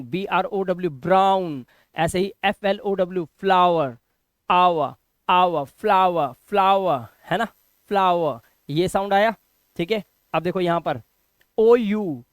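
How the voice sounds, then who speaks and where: A man teaching English pronunciation, repeating each word slowly and with emphasis. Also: fairly bright tone, smooth, no echo. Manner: persuasive course pitch. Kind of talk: Hindi-language phonics lesson.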